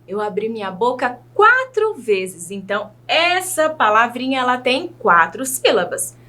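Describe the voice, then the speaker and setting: Teaching young children, a woman from Brazil talks at a very slow, patient pace, her pitch high and lively. She stretches out and overemphasizes each word and poses questions to the kids.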